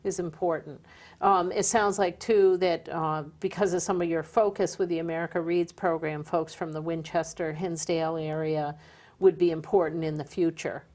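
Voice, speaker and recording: New woman host, low register, measured and promotional. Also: fairly even intonation, darkish tone. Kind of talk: interview hosting.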